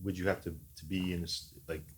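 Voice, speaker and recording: A man hosting a podcast, asking curious, halting questions with repeated words and easy laughter. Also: low-pitched, little pitch movement, slight background noise. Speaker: podcast host. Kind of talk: casual interview chat.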